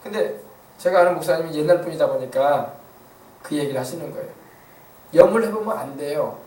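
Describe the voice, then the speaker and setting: A man pastor preaching a sermon, emphatic, swinging between hushed passages and loud exclamations. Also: a little high, a little fast, a little hiss or hum. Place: church sanctuary. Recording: echoey church sound from a distance.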